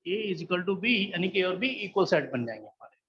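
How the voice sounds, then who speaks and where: A man with a fairly high voice teaches a math class in a classroom, patiently coaxing answers and checking again and again that everyone has understood. The recording is somewhat dull and lo-fi, as if captured in the classroom itself. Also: lively intonation, fairly quick, a little hiss or hum. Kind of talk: classroom lesson.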